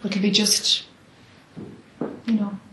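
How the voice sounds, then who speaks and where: A woman's voice: medium pitch, level tone, slow, fairly bright tone, slight background noise. A woman leading a spiritual question-and-answer dialogue, probing and often affirming. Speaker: spiritual discussion leader. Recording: echoey room.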